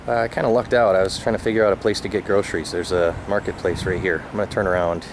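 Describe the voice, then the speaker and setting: A man in his thirties gives a relaxed, wry walking tour, talking while he walks outdoors with a handheld camera. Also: low voice, quick pace. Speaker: vlogger. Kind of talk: casual walking-tour narration. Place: outdoors on sunny island streets. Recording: outdoor camera audio with street noise.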